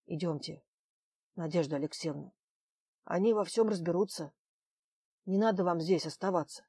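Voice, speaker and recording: A woman voicing a calm, protective male night guard, speaking low and soothing. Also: moderate pace, breathy edge, no echo.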